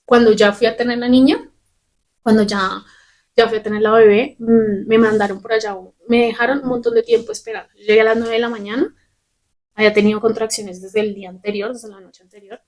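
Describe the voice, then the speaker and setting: Young woman telling her own story fast, high-ish voice, blunt and candid. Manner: candid, fast and animated, swears casually. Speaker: podcast host. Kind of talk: personal storytelling.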